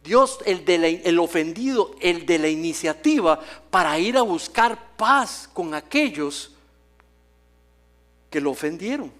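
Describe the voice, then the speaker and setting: High-voiced man preaching a sermon. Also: animated, measured pace, a bit bright. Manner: storytelling with humor, acts out quoted voices. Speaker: pastor. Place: church sanctuary.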